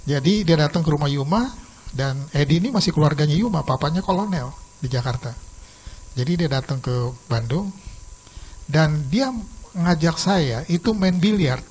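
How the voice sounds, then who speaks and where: Husky-voiced man preaching a sermon. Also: fairly high pitch, normal speed, low-quality recording. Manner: lively storytelling, acts out quoted dialogue; sudden shifts between soft and loud. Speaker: pastor. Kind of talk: sermon with personal testimony.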